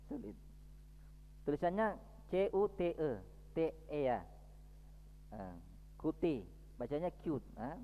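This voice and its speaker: A man preaching at a mosque study session, reading out Arabic text and explaining it in a lively lecturing manner. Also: high voice. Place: mosque hall. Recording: long hall reverb, dull lo-fi sound.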